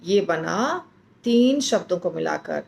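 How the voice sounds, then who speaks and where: A woman's voice: lowish voice, expressive, slow pace, creaky, a little mellow. A woman teaching how to pronounce a Sanskrit verse, repeating each word many times and breaking it into its letters. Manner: repeats words over and over, breaking them into letters. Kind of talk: slow spoken pronunciation lesson.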